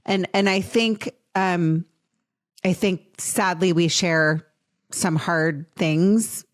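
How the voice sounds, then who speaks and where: Her pitch is fairly low and her intonation fairly even as this late-twenties podcast host interviews a guest. She's earnest and warm, and her pace slows when things get emotional.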